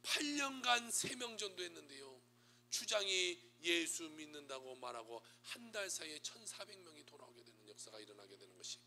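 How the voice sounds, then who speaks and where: Male pastor, sermon delivery, bright and forceful, dramatic loud-and-hushed storytelling, faint hum. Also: fairly high pitch, big pitch swings, moderate pace.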